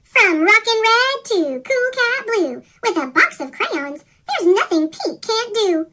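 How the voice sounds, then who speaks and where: A reader of a rhyming children's picture book, voice pitch-shifted into a chipmunk effect, reading in a sing-song way. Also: sing-song, takes it slowly, pushed and bright. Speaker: storybook reader.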